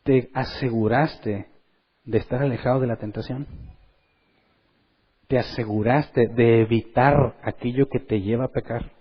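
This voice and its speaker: A man preaching a sermon in church, lively, and acting out the voices of the people he quotes. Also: mid-range voice, measured pace, long pauses, breathy edge, lo-fi sound. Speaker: pastor.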